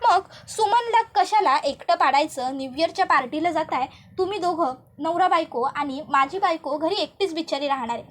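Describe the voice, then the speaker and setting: A scheming middle-aged uncle who keeps talking fast to smooth over his lies, as a woman retells the scene. The voice stays very high, with her own voice barely changed. He coaxes and insists without pausing. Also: animated. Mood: reasonable.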